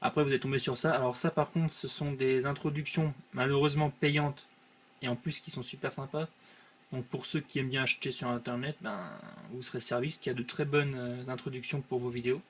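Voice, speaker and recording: A young man talks through a screen-recorded tutorial in a mid-range voice, hesitating often and filling gaps with drawn-out filler sounds. He speaks into a desk mic by his computer, and a faint hiss sits under his voice. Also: mid-range voice, level tone. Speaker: channel host.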